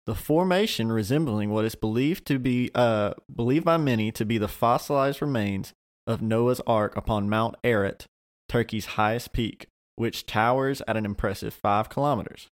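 A man co-hosting a relaxed podcast, reading facts aloud in a middle-pitched voice. He stumbles over tricky names and shrugs them off with quick jokes. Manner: stumbles over hard names, jokey asides. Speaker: podcast co-host. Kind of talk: casual chat, reading out an article.

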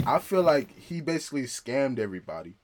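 A man's voice: mid-range voice, sing-song, brisk. A young man in casual podcast banter, talking like a boisterous frat bro, slangy, often cutting in and repeating himself. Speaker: podcast host.

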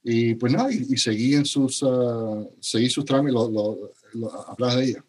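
A middle-aged man from Cuba, a podcast guest, talking in a halting way with many restarts. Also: medium pitch, darkish tone, husky. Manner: halting, frequent restarts and stammers. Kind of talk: conversational interview.

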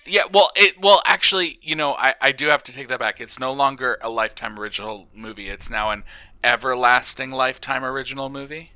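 A man talks as a podcast guest, pitching silly ideas in loose, meandering sentences. His voice has a very bright, forward edge. He trails off and restarts, plainly amused with himself. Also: fairly quick, clear, resonant tone, no room sound. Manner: rambling, self-amused, trails off. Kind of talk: casual comedy chat.

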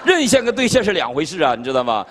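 An older man from China preaching a sermon at a conference, telling stories with humor in an animated way. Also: fairly high pitch, fast. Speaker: pastor. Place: conference hall. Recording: reverberant hall.

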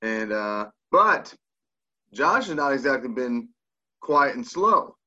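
A middle-aged American man banters on a podcast in a bright, forceful voice. He is joking and irreverent, and the recording is slightly dull and lo-fi. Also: mid-range voice, big pitch swings, takes it slowly. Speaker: podcast co-host. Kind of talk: casual banter.

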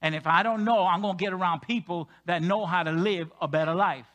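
A male senior pastor preaching a sermon in a church, animated, moving between loud emphatic stretches and quiet joking asides. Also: high voice, brisk.

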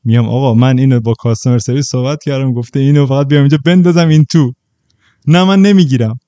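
A man's voice: mid-range voice, fairly even intonation, warm tone, no echo, lo-fi sound. A man, co-hosting a podcast, telling a long anecdote in casual chat and slipping in English loanwords. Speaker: podcast co-host.

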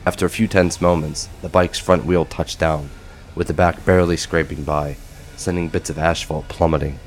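A man's voice: deep voice, little pitch movement, normal speed, noisy background. A man narrating a scripted audio drama in a dramatic storytelling style.

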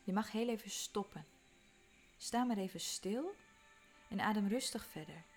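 Slow, calm woman guiding a meditation. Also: mid-range voice. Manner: slow, calm, soothing instructions with soft whispered moments. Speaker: meditation guide. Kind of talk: guided walking meditation. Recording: faint music behind.

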